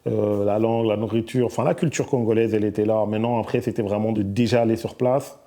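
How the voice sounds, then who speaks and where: A middle-aged man from Belgium speaks in a low, very dark and mellow voice. He answers questions softly and hesitantly, with frequent fillers and restarts. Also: fairly even intonation, fast. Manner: soft-spoken, hesitant with many fillers. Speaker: musician guest. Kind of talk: casual interview answers.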